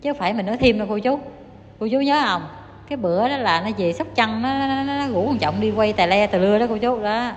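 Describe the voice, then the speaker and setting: A woman's voice: on the high side, fast, lo-fi sound. A woman, ranting to her viewers in a heated, taunting monologue that is full of repetition and emphasis. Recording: long reverb, faint noise.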